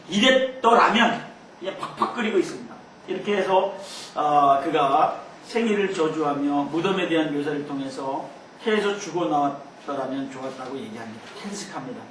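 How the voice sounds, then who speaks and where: A man's voice: a little high, slight background noise. A man preaching a Bible teaching sermon, a playful storyteller who jokes and makes puns. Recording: very echoey hall, voice far from mic.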